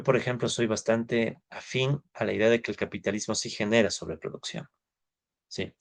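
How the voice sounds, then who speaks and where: In a fairly low, creaky voice, a man from Ecuador chats his way through a casual university economics class. He muses aloud and regularly checks on his students with quick tag questions.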